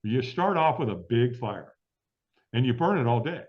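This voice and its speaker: Speaking in a mid-range voice with lively intonation and a moderate pace, a middle-aged man appears as an interview guest. He tells a vivid story, acting out the quoted dialogue and laughing often, captured in dull lo-fi audio.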